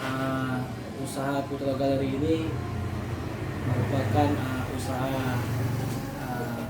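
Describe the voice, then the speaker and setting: A man's voice: mid-range voice, level tone. Male business owner, formal and hesitant promo statement, off-mic in a roomy, very noisy space. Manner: halting, formal, with frequent hesitations. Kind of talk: semi-prepared promotional interview statement. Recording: echoey, distant mic, loud ambient noise.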